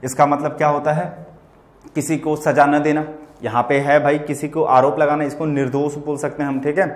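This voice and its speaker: A man's voice: fairly high pitch, flat delivery, moderate pace, echoey room. A man teaching English vocabulary to students in Hindi, explaining patiently and often checking that they follow. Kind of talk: vocabulary lesson.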